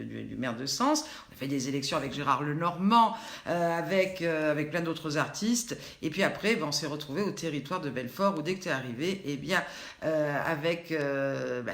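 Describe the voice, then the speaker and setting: A woman's voice: lowish voice, fairly bright tone, reverberant. An older woman hosting a live video show, chatting loosely and poking fun at herself while leading face exercises. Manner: chatty, rambling and self-mocking. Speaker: host of a daily live show. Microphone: phone camera.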